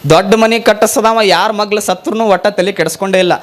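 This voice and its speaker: A high-pitched man preaches a sermon in a North Karnataka accent. He tells folksy stories, acts out the dialogue of the people in them and chants devotional verses in a slower, measured cadence. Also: steady tone. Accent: North Karnataka Kannada. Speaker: monk preacher.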